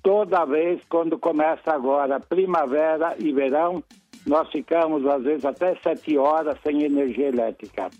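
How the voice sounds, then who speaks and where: Give me a man calling in over the phone to complain, insistent and halting, restarting his sentences often. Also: fairly high pitch, soft background music. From São Paulo, Brazil. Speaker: caller. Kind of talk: call-in complaint. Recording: dull, dry phone line.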